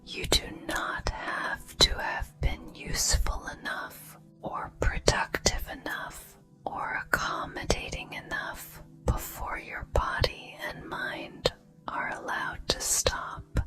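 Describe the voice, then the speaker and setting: A woman gives a whispered ASMR pep talk of affirmations in a soft, breathy, deliberate and reassuring way, with pauses between phrases. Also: faint music behind.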